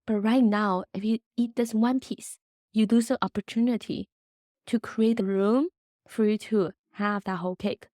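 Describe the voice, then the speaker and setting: A woman voicing a gentle, all-knowing motherly cosmic spirit, speaking softly and reassuringly in a podcast monologue. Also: mid-range voice, steady tone, moderate pace, no echo, studio quality, close to an everyday voice. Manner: soft, soothing, reassuring.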